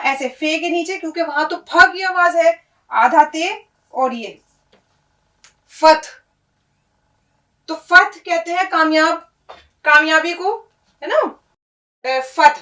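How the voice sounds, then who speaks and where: High-voiced woman teaching a language lesson. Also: a bit bright. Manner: patient, explains and repeats, asks "है ना?" often. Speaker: Urdu teacher. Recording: echoey room, mic at a distance.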